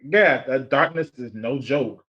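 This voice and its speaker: A man chats casually as a player in a tabletop role-playing game. His voice is medium in pitch, heard through a dull, lo-fi recording. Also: measured pace. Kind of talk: casual in-character tabletop chat.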